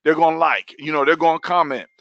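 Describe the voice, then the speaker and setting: A man's voice: fairly high pitch, fast talker, gravelly, dry recording, muffled recording. A man coaching an online class on video content, talking loosely and repeating key phrases for emphasis. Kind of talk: live online training session.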